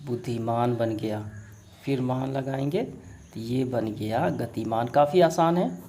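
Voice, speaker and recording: A man's voice: medium pitch, dark tone, a little hiss or hum. Man teaching a school lesson. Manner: explains step by step, asks "samajh mein aa gaya?"; dictates model answers slowly. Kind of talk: classroom explanation of textbook answers.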